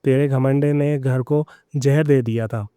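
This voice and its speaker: A man voicing a quiet older father-in-law who speaks firmly and sternly. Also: medium pitch, steady tone, unhurried, clear, resonant tone, dry recording, clean studio sound, lightly acted.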